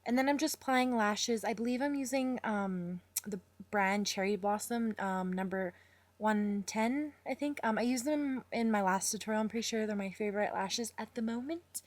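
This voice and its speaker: Chatty young woman narrating a makeup tutorial. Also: mid-range voice. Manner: chatty, rambling with fillers and apologies. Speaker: makeup vlogger. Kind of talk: casual voice-over tutorial.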